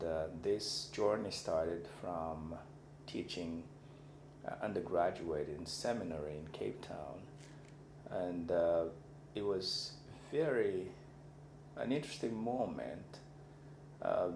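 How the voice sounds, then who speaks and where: A university lecturer from Mozambique, whose first language is Xangana, gives a reflective personal lecture in a deep, gravelly voice. He is thoughtful and searches for words, recorded in an echoey room with faint background noise.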